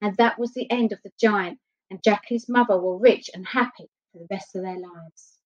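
Woman reading a storybook aloud. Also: medium pitch. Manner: expressive, unhurried reading. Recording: dull lo-fi recording.

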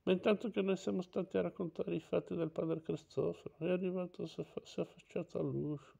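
A man reading a classic novel aloud, pausing for small slips and self-corrections. His voice is gravelly and husky, with a dark, mellow tone that sits a little high. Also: steady tone, highs cut off.

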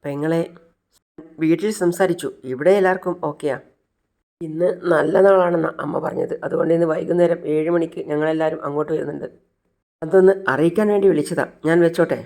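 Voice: medium pitch, steady tone, brisk, a little mellow, natural voice. A storyteller voicing a polite young Malayali man on the phone, eager about a marriage visit.

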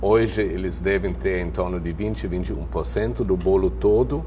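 Panel professor, male, 60s, native German with German accent, lowish pitch, blunt and emphatic. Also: moderate pace, dark tone, slight background noise. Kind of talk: opinionated panel discussion. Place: TV studio panel desk. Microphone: lapel.

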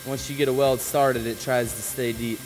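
A man who installs flooring, giving a casual on-the-job demonstration, relaxed and practical as he talks while working. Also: mid-range voice, normal speed, soft background music, rough recording. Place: indoor work floor.

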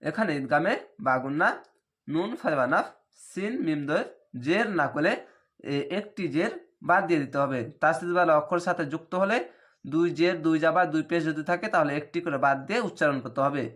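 A man's voice: a little high, a bit bright. A man teaching Quran reading in Bengali, spelling out each letter and vowel mark before reciting the word. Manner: spells letters and vowel marks slowly, then reads the word drawn out.

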